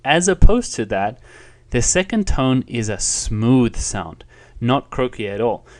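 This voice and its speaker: Man, language teacher, medium pitch, calm, patient, explanatory, online lesson. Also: slow.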